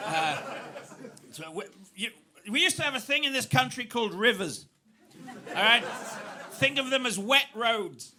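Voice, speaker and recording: A man doing stand-up on a comedy club stage, spinning absurd stories that swing from flat to explosive. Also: very high-pitched, unhurried, pauses often, crowd noise. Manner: absurd, deadpan-to-explosive storytelling. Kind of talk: stand-up routine. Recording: live club with audience laughter.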